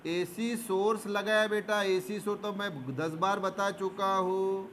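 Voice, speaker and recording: Slow-talking, high-voiced male physics teacher. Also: little pitch movement, a bit bright. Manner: patient, addresses students fondly, answers his own questions. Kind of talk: board lesson. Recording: faint background noise.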